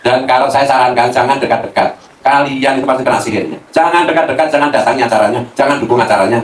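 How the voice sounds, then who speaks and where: Animated cleric speaking from afar. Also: male voice, medium pitch, fast. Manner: animated, mixes Javanese slang, laughs often. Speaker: Islamic cleric. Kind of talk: casual religious talk. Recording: roomy, from a distance, faint noise.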